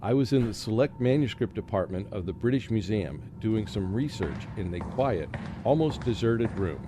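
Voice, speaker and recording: A man plays a nervous, haunted scholar recounting his ordeal as the first-person narrator of a radio drama, in a dramatic storytelling style. His lowish voice is expressive and lightly acted at normal speed against a noisy background, and the mood is uneasy and suspenseful.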